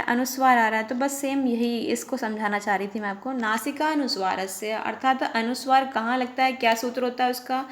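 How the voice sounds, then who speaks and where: A woman teaching an online Sanskrit lesson, reciting the sutras slowly and drawn out and explaining them patiently. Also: on the high side. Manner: explains patiently, often checking with "theek hai".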